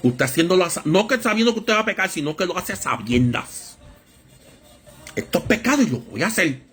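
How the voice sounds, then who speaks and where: A man preaching a Bible study sermon, with a lively storytelling manner that acts out voices in anecdotes. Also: high-pitched, brisk, slightly rough, soft background music.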